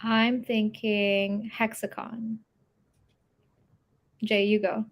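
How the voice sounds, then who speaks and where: A young adult woman co-hosting a podcast, telling stories in a lively, casual way and laughing easily. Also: on the high side, drawn-out words, lo-fi sound. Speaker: podcast co-host. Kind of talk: casual chat.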